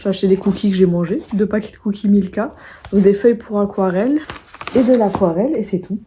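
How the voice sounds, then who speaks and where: A woman's voice: medium pitch, fast, warm tone, a little hiss or hum. A young woman vlogging at home in a rambling, chatty way, full of restarts and fillers. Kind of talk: casual vlog chat. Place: at home indoors.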